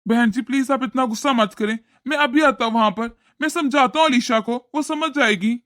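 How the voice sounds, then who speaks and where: A voice actor playing a worried, polite middle-aged father in a cartoon, pleading to calm things down. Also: very high voice, a little fast. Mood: appeasing. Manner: pleading, appeasing.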